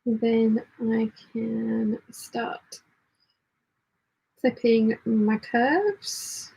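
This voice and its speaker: A woman hosting a casual live sewing hangout, talking through her work and chatting along, with a slightly husky voice. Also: a little high, steady tone, very slow, mellow, low-quality recording. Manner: muttering commentary while working; reads chat messages aloud. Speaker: sewing livestream host.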